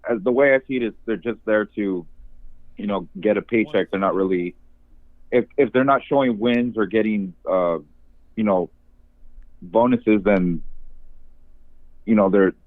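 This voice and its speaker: A man's voice: fairly low pitch, normal speed, long pauses, no echo. A man calling a talk show by phone, giving his opinions in a casual, rambling way. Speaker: caller to an MMA talk show. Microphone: phone line. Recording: narrow phone-like call.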